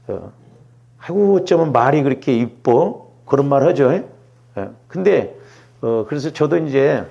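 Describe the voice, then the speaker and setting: A man's voice: medium pitch, creaky. A middle-aged male pastor giving a conversational sermon, often checking in with the congregation. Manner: conversational preaching with rhetorical checks.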